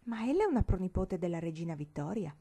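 Una donna che legge dà voce a una bambina seria e sensibile, che si offende facilmente. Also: female voice, on the low side, big pitch swings, quick pace, dark tone, breathy edge, heavily acted. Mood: earnest. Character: earnest sensitive little girl. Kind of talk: audiobook reading.

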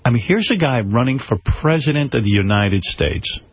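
A man's voice: mid-range voice, expressive, moderate pace, husky, dry recording. A middle-aged man hosting a radio talk show, rambling and incredulous as he riffs, in dry, muffled studio sound. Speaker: radio host. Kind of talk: shock-jock radio banter.

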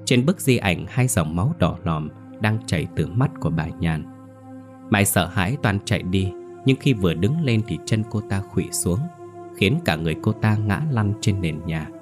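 Deep-voiced man narrating a horror story. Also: normal speed, over music. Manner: steady, grave.

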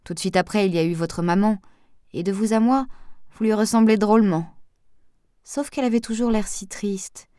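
A woman's voice: medium pitch, fairly quick, dark tone, clear, resonant tone, dry recording, studio quality, natural voice. A woman voicing a gossipy elderly village woman who talks in a confiding, old-fashioned way.

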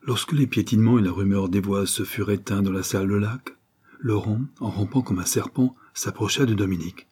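Male audiobook reader, low mellow voice, steady storytelling narration. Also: fairly quick, breathy edge. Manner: steady storytelling with lifted voice in dialogue.

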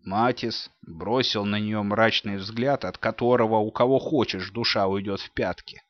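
A man narrating a storybook with expressive storytelling in a dull, dry recording. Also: lowish voice, normal speed, dry recording. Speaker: audiobook narrator. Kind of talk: scripted narration.

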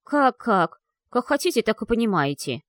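A woman's voice: animated, normal speed, dry recording, clean studio sound. A woman voicing a weepy young werewolf girl. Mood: indignant. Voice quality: tearful, gurgling voice. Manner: high, whiny, overwrought. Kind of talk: audiobook character voice.

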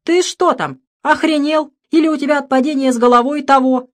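A man's voice: high-pitched, lively intonation, normal speed. Woman voicing a brusque, mocking man. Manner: loud, mocking. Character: skeptical tipsy man, brusque friend.

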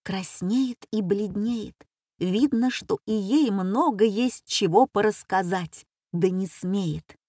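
Slow husky woman reading a story. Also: mid-range voice, mellow, dry recording, clean studio sound. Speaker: reader. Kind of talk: reading a humorous story aloud.

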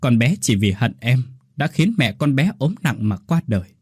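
A man voicing a dying older woman who speaks gently and with remorse in a ghost story. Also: medium pitch, expressive, moderate pace, breathy edge, dry recording, clean studio sound. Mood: tender. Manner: soft and tender.

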